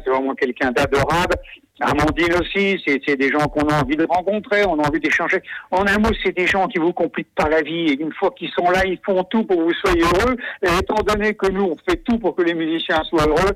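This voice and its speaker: A man's voice: a little high, a little fast, poor audio. A man from Normandy, a festival organizer, talking enthusiastically in a radio interview with many hesitations. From Normandy, France. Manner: enthusiastic, warm about musicians, frequent hesitations.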